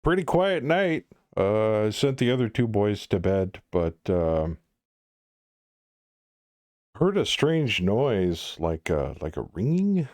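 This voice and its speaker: A man voicing a gruff older sailor crewman who reports in a slow, hesitant drawl. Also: lowish voice, a little mellow, no room sound.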